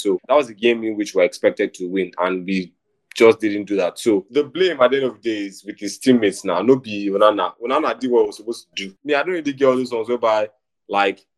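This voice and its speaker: A young man, co-hosting a casual football chat in a rambling, animated way. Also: fairly low pitch. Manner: animated, rambling, says "bro" a lot. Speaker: podcast co-host.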